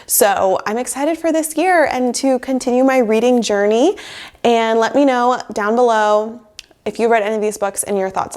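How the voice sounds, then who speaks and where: Nasal with a cold yet upbeat, a young woman in her twenties talks casually to camera as a lifestyle vlogger, using lots of "like" fillers. Her slightly high voice has a darkish tone, picked up indoors in a small bedroom office by a phone-connected lapel mic.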